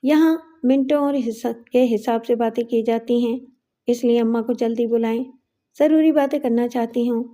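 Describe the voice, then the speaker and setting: A woman voicing a clever, sharp-tongued younger sister who talks in a brisk, matter-of-fact way. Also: a little high, steady tone, lightly acted.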